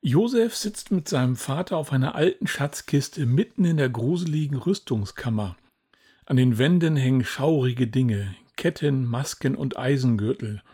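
A man narrating a children's story calmly. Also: medium pitch, breathy edge.

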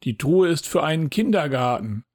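A man's voice: on the high side, big pitch swings, moderate pace. A man voicing a boisterous, good-hearted male pirate captain who barks exclamations and commands in a storybook reading. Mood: urgent.

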